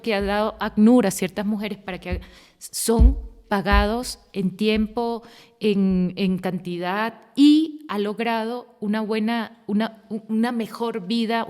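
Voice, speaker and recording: A woman's voice: medium pitch, a little mellow. A woman, speaking as a podcast guest in an earnest, reflective way, building long sentences as she thinks aloud. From Venezuela. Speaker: guest, women's rights activist. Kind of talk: podcast interview conversation. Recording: long hall-like reverb.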